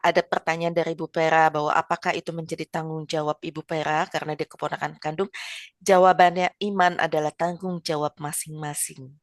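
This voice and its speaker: A woman with a rather low voice leads a church meeting, speaking in a measured and affirming way. The sound is dry and close, as on a video call. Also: flat delivery, dry recording. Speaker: meeting leader.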